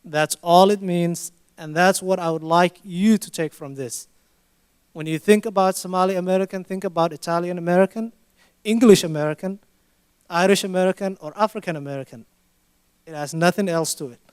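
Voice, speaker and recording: A man with a high, smooth and resonant voice answers a question at a conference panel. He speaks in a measured, emphatic way and builds to firm points. The sound is dry and close. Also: no echo.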